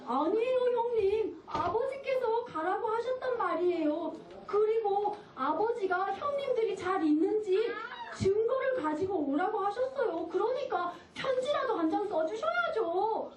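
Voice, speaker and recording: A woman's voice: very high-pitched, expressive, unhurried. A woman voicing an eager, obedient young shepherd boy in a Bible story, chirpy and earnest. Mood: pleading. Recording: echoey room from far off, children nearby.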